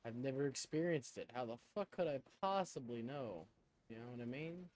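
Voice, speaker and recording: A man's voice: mid-range voice, animated, moderate pace, darkish tone, low-quality recording. A man chatting casually and rambling in a self-conscious way as he plays a game, thinking aloud as he goes. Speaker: video game streamer. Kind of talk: casual chat and commentary while playing a game.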